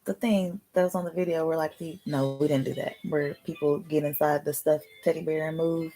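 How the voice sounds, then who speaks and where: A woman's voice: sits low, fairly even intonation, fairly quick, mellow. A woman in her thirties chatting casually as host of a family card game, rambling and thinking aloud in slangy speech. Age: 30s. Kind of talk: casual chat.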